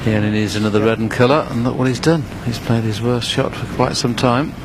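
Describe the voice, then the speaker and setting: A man giving hushed, low-key snooker commentary in a measured, unhurried, analytical way. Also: fairly even intonation, background noise.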